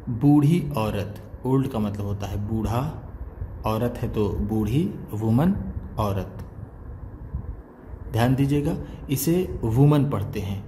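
A man teaching English word by word, reading each word slowly and then explaining its meaning. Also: mid-range voice, dark tone, slight background noise, rough recording. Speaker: English teacher, channel host. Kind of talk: slow word-by-word reading lesson.

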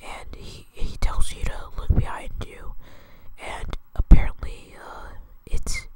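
A young man hosting his channel in a hesitant whispered role-play, rambling and jokey, with many fillers and restarts. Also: slow pace. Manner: jokey, crude. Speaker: channel host. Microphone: close mic.

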